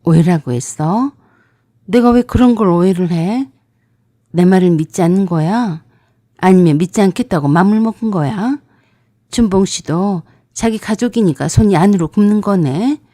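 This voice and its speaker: A woman's voice: medium pitch, moderate pace, dark tone, no echo, close to an everyday voice. A woman playing a hurt young bride-to-be who confronts her fiancé with pointed questions, in a dry recording. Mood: accusing.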